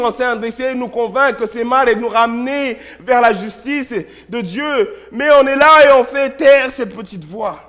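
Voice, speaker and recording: A high-pitched man preaching in a church. He tells stories, repeats words in bursts and swings between loud and hushed delivery. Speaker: pastor. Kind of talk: sermon.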